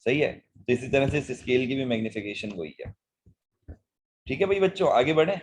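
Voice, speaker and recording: A man's voice: medium pitch, animated, fairly quick, a little hiss or hum. A man teaching biology, patiently walking students through past-paper questions in mixed Hindi and English. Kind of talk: online past-paper lesson.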